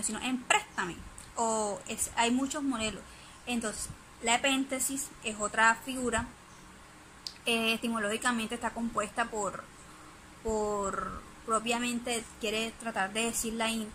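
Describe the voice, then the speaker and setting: A woman's voice: fairly high pitch, pushed and bright, slight background noise, low-quality recording. A woman giving a spoken lesson presentation, hesitant, with many fillers and restarts.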